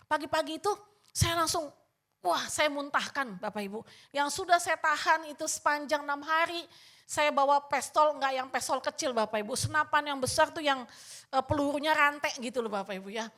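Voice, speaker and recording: Older lady pastor telling a story in a sermon, high voice, keeps talking to the congregation. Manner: storytelling to the congregation, addresses listeners often; animated, acts out her own past remarks.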